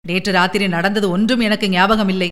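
Woman doing a loud, blunt village farmer. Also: mid-range voice, fairly even intonation, a little fast, pitched below the performer's own voice, lightly acted. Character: plain-spoken adult male village farmer.

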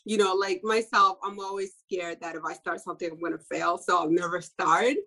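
A young woman from Ethiopia answers interview questions in a soft, fairly low voice. She talks at an easy, unhurried pace, laughing often and leaning on filler words as she goes. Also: fairly even intonation, low-quality recording. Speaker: fashion designer guest.

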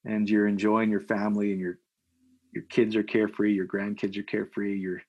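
Pastor, man from Iowa, low husky voice, preacherly and repetitive. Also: brisk, muffled recording. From Iowa, USA. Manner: energetic, preacherly, repeats phrases for emphasis. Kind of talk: podcast interview, leading a prayer.

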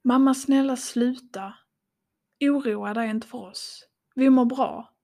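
A woman's voice: a little high, creaky, dark tone. A woman reading the lines of children who plead with their mother in a horror story. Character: frightened children calling to mom, apologetic.

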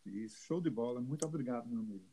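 A man's voice: mid-range voice, animated, quick pace, warm tone, husky, low-quality recording. A man hosting a web radio interview show, asking friendly, encouraging questions. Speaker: show host.

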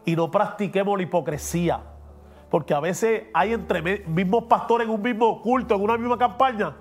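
Pastor for a preaching podcast, high voice, emphatic, faint music underneath. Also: male voice, normal speed. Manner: emphatic and preachy, drops English words in. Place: podcast studio.

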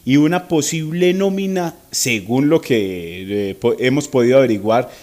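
Man, sports reporter, mid pitch, polite, hesitant. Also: moderate pace, darkish tone. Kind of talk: sports radio talk.

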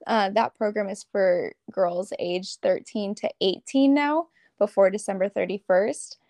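A woman's voice: medium pitch, unhurried, a little mellow, no echo. Young american woman, late teens, chatting as a podcast guest, pretty dry close sound. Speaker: podcast guest, pageant competitor and volunteer. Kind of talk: conversational interview answers.

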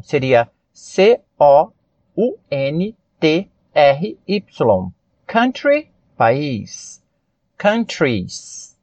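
A Brazilian man teaching English vocabulary on a podcast, spelling words out letter by letter and repeating slow model pronunciations. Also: on the high side, a little mellow, no room sound. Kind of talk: podcast language lesson. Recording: dull lo-fi dry recording.

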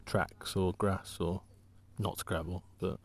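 Brief: low-pitched man, relaxed vlog chatter, halting and rambling, trails off mid-thought. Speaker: walking vlogger and artist. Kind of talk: casual rambling monologue.

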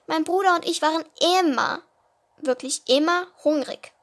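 A woman reading her own story aloud, halting and often restarting words. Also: high-pitched. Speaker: storyteller of a podcast-style series.

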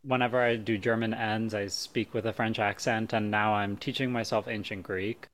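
A man's voice: fairly low pitch, steady tone, normal speed, fairly bright tone. A young man co-hosting a podcast in casual chat, hesitant, with many fillers and restarts and frequent laughter. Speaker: podcast co-host.

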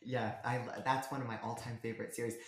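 A woman's voice: a bass voice, flat delivery, fast talker, roomy sound, slight background noise. A woman author, a guest on a podcast, chatting enthusiastically. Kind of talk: casual chat.

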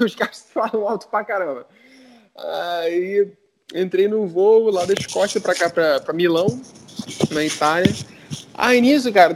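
A young Brazilian man with a Brazilian Portuguese accent, telling anecdotes in a casual, slangy, animated chat. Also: sits high.

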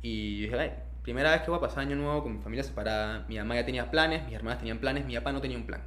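Fast-talking young Panamanian man telling stories. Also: mid-range voice, a bit bright, a little hiss or hum. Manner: slangy, mixes in English words. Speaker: interview guest. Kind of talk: casual personal storytelling.

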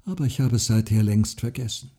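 A man voicing a frail old widow who speaks softly, earnestly and secretively. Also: lowish voice, fairly quick.

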